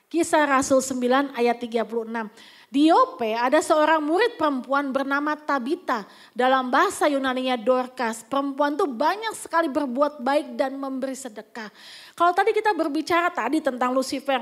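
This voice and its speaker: A woman pastor preaches in a chatty, storytelling way and slips into whispered asides now and then. Her voice sits very high, and she. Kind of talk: conversational sermon. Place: church service.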